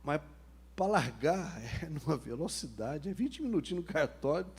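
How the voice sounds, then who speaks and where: A man's voice: fairly high pitch, sing-song, normal speed, a little mellow, husky. A man, a pastor preaching a sermon in a humorous, colloquial storytelling manner.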